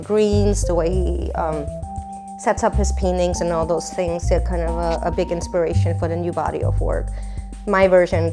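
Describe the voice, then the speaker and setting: A woman from Austria, an artist, speaking reflectively about her work with many pauses, fillers and restarts. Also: lowish voice. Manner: soft-spoken, halting, many fillers and restarts. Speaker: painter. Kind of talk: reflective interview monologue.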